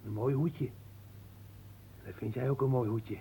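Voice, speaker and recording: A man playing an anxious, simple-minded young villager who blurts and shouts in a childlike way, in an old radio drama. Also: mid-range voice, steady tone, a little slow, creaky, husky, full character voice. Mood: excited. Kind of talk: 1960s radio drama acting.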